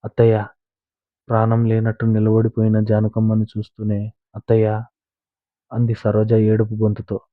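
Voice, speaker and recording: A man's voice: fairly low pitch, completely flat delivery, normal speed, pauses often, dry recording, natural voice. A man reading a story voices a frightened young woman who speaks in a trembling, tearful voice, recorded on a tinny, dry line.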